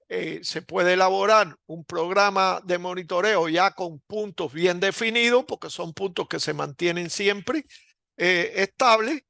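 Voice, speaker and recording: A man delivers a recorded lecture in a fairly high, gravelly voice with a bright edge. He speaks slowly and deliberately, pausing often and restarting phrases. The sound is dry and close. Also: no room sound. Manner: slow and deliberate with frequent hesitations.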